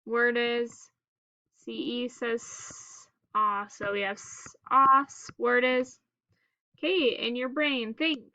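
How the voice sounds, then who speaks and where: High-voiced woman teaching in slow staccato drills. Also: fairly even intonation, sharp tone, no room sound, highs cut off. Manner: staccato, clipped single words with pauses between. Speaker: phonics teacher. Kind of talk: scripted phonics drill for children, word by word.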